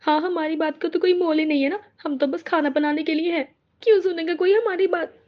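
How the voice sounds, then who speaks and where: Woman voicing a high, insistent young daughter-in-law. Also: fairly quick, dull audio. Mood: complaining. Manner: insistent, complaining. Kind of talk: Hindi cartoon drama voice acting.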